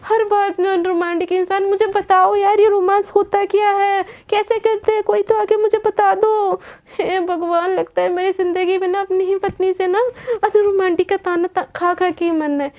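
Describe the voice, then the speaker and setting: A woman's voice: very high-pitched, steady tone, normal speed. A woman voicing a flustered young wife who begs and apologizes over and over, in a dull lo-fi recording. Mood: frustrated. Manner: pleading, apologetic, repeats words.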